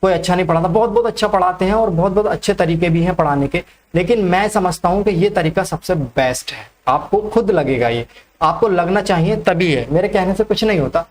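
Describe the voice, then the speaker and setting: A man's voice: high voice, fairly quick, slight background noise. A male teacher giving an exam-prep lecture, who keeps asking questions and then answering them himself, repeating the key facts and often adding "ठीक है".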